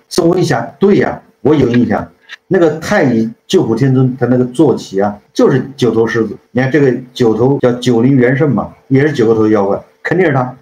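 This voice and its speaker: In a mid-range, dark voice, a channel host casually retells a classic story, rambling, often correcting himself and checking in with the listener. The recording is roomy and dull lo-fi, with a little hiss or hum.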